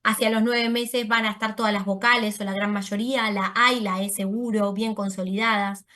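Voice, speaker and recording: A woman's voice: medium pitch, fairly even intonation, moderate pace, pushed and bright. A woman giving an explanatory lecture to an audience, correcting herself as she goes. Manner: explanatory, uses voseo, self-corrects. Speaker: speech therapist giving a talk.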